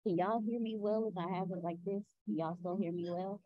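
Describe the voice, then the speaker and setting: Instructor on a lo-fi call, muffled, dull, bass-heavy sound, casual and friendly. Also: fairly even intonation, fairly quick. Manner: chatty, laughs often, checks in with students. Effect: muffled, dull sound as if mic is covered. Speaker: real estate investing instructor. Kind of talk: casual online class. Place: coffee shop.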